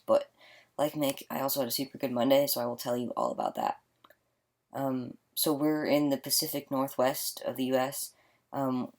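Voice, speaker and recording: A young man in his late teens, tired and mumbling quietly in a casual video diary recorded in a small attic closet. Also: mid-range voice. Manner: mumbling, quiet to avoid waking others. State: tired, yawning. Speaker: vlogger.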